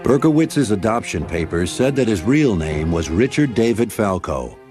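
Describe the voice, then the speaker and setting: A man narrating a documentary in a measured, grave storytelling manner. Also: on the low side, big pitch swings. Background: music bed.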